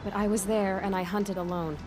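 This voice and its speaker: In this video game cutscene, a young woman plays a curious, headstrong hunter cast out from her people, sounding earnest, direct, questioning and a touch wry. Her delivery is flat, medium in pitch and fairly quick, only lightly acted, with background noise in the recording.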